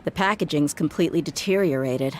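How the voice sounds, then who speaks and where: Actress as tough young merc lady, lowish voice, blunt n wry, game dialogue, bit of noise. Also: brisk, close to an everyday voice. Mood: wry, exasperated. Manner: casual, blunt, sighing. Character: tough, frank young female mercenary, wryly exasperated. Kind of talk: video game voice acting.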